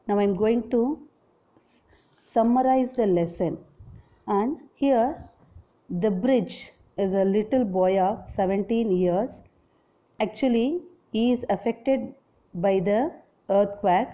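A woman teacher explains a lesson to schoolchildren at an unhurried pace. Her tone is soft-edged and mellow, at a medium pitch, and she often restates a point in simpler words. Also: low-quality recording. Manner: explanatory, repeats and rephrases points. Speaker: English teacher.

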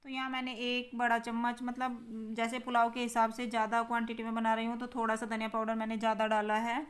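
A woman from India walks her viewers through a home recipe step by step. Her voice is smooth and somewhat high, and her delivery stays flat and even. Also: quick pace. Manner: explains steps plainly, speaking to viewers. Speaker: home cook vlogger. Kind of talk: cooking demonstration.

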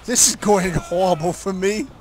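A man's voice: high voice, normal speed, darkish tone, a little hiss or hum. A man chatting casually while playing a war game, joking and laughing often. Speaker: game player. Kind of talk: casual gameplay commentary.

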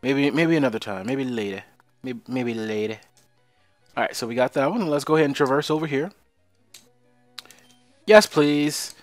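A man's voice: medium pitch, moderate pace, pauses often, no echo, soft background music. A young man casually commentating a video game he plays, joking and talking to his viewers. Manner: joking, chatty, talks to viewers. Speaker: let's play host.

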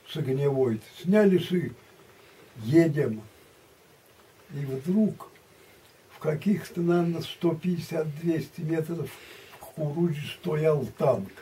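Rambling old grandpa storyteller, very mellow, distant. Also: male voice, fairly high pitch. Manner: rambling, halting, repetitive, colloquial. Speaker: war veteran recounting memories. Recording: distant mic, muffled, background noise.

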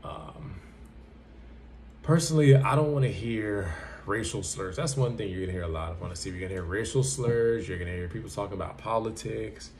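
A young trucker vlogs in a small, plain indoor room, speaking to camera casually and bluntly, repeating his advice in a conversational way. His voice is fairly low and darkish, a little fast, with a slight hiss or hum on the recording.

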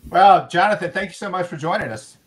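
A man hosting a conversation show, relaxed and affirming, with many "uh" fillers as he sets up questions. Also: high-pitched, fairly quick. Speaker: podcast host. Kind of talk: casual interview hosting.

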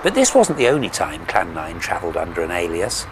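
A man's voice: deep voice, wildly swooping pitch, brisk, noisy background. A man reading scripted documentary narration with polished, dramatic storytelling phrasing.

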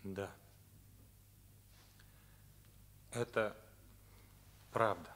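For a Soviet radio drama, an actor plays a troubled, sincere ninth-grade schoolboy, delivering his lines earnestly, searchingly and with hesitation. His voice is on the low side and a bit bright, and he speaks slowly.

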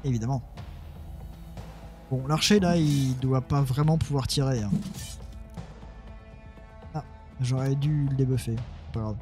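A man's voice: mid-range voice, unhurried, pauses often, a little mellow, soft background music. A man casually commenting on his own strategy game, talking to his units and mocking himself. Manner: muttering, self-mocking, talks to his units. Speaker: let's play gamer.

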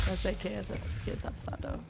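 A woman doing horror game commentary who talks in a nervous, frightened, halting way. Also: medium pitch. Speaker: let's player.

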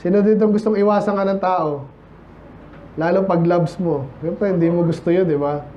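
High-voiced preacher in a casual sermon. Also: male voice, steady tone, moderate pace, dull audio, a little hiss or hum. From Philippines. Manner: casual, asks the congregation "di ba?" and "Amen?". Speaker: pastor. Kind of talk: conversational Baptist sermon. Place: church.

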